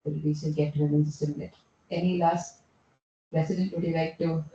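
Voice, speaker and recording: A woman's voice: sits low, level tone, a little fast, warm tone, slight background noise. A woman hosting a club meeting, chatty and teasing as she calls on people. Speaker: meeting host. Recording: echoey room, far from dull mic.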